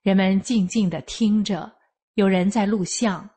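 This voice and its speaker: A woman narrating a first-person story in an earnest, steady manner. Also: mid-range voice, unhurried, breathy edge.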